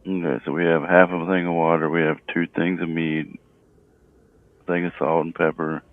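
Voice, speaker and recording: A man's voice: deep voice, level tone, moderate pace, dry recording, narrow, tinny audio. A man chatting casually as a player in a tabletop game. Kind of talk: casual chat.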